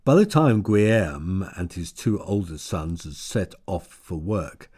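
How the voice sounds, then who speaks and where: A man reading an audiobook in a measured, steady storytelling manner. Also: low voice, slightly rough. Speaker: audiobook narrator. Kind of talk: scripted narration.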